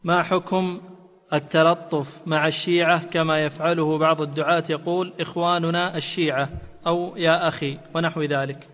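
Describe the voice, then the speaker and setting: A man reading submitted questions aloud in a steady, formal way. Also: fairly high pitch, normal speed, long reverb tail.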